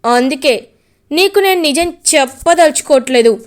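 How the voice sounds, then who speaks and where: A woman's voice: high voice, lively intonation, moderate pace. A woman doing a cocky, taunting young man. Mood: defiant. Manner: taunting, insistent.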